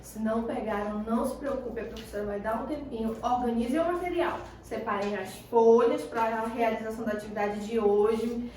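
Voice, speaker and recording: A Brazilian woman teaching a primary class, asking questions and answering them herself while stretching the key words slowly. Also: on the high side, warm tone, slight background noise. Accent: Brazilian Portuguese. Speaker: schoolteacher. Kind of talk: recorded remote class lesson. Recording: echoey room, voice far from the mic.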